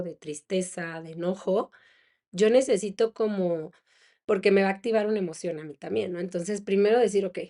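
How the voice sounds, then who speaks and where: A woman's voice: mid-range voice, warm tone. A woman, a psychologist hosting a podcast, talking conversationally and reflectively with small laughs and fillers. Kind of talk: casual monologue on parenting.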